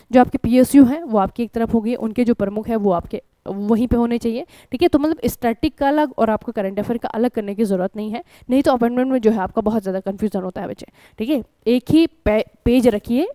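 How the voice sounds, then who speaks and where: Indian woman teacher, chatty exam-prep lesson, kinda high mellow voice, dry close mic. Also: no room sound. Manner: conversational, keeps asking "ठीक है?" and addressing students as children. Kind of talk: online current-affairs lesson.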